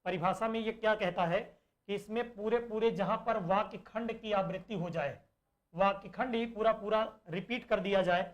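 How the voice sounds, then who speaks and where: A male teacher giving an online exam-prep lesson, explaining slowly, repeating points and asking and answering his own questions. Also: sits high, muffled recording.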